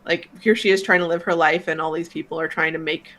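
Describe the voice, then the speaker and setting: A woman's voice: low voice, steady tone, fast, fairly bright tone. A woman co-hosting a movie reaction, talking thoughtfully in a hesitant, casual way. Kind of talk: casual chat.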